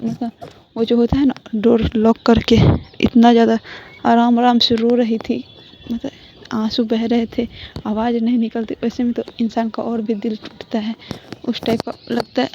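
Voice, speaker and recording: Woman rambling through a story, corrects herself a lot, fairly high but flat voice, dull lo-fi sound. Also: normal speed, breathy edge. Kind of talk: casual spoken storytelling. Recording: dull lo-fi with faint noise.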